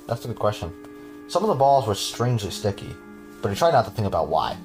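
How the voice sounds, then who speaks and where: Man with a lowish voice reading a creepy story for a podcast, casual, stops to joke and laugh. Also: very animated, quick pace, music in the background. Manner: casual, chuckling, breaks off to joke with his cohost. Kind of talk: reading a horror story aloud with jokey asides.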